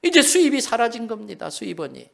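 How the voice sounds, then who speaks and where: A male pastor preaching a sermon, telling stories that drop to hushed tones and rise to fervent, loud peaks. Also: extremely high pitch, huge pitch swings, fast, creaky.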